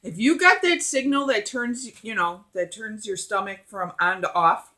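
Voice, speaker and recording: Casting: middle-aged woman, mukbang host, sharp bright voice, emphatic casual chat between bites. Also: mid-range voice, normal speed. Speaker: mukbang vlogger. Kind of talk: casual chat while eating.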